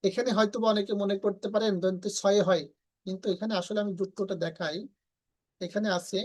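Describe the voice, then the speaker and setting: A woman from Bangladesh with a Bangladeshi Bengali accent, teaching verse pronunciation slowly and patiently, repeating syllables and chanting lines in a melody. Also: mid-range voice, fairly even intonation, a little mellow. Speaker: Gita recitation teacher.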